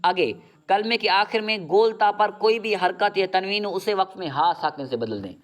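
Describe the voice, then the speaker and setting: Man drilling pupils with repeated questions. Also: high-pitched. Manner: asks a question after each rule and repeats the answer. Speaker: Quran reading teacher. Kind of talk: drilling lesson with call-and-response questions.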